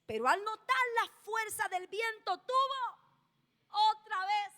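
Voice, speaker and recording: In a church hall, a woman preacher delivers an emphatic sermon, repeating key phrases and asking the congregation questions. Her very high voice is pushed and bright, and the recording carries a long church-hall reverb.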